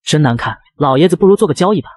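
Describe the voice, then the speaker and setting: A man's voice: a little high, expressive, very fast, a little mellow, no echo, clean studio sound. A man voicing a blunt, dismissive young male student who talks curtly. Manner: curt, dismissive.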